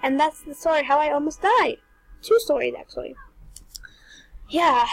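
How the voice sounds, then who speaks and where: A woman's voice: high-pitched, animated, moderate pace, creaky, no echo, low-quality recording. A young woman vlogger telling a dramatic storytime in a chatty way, full of "like". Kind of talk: casual storytime vlog.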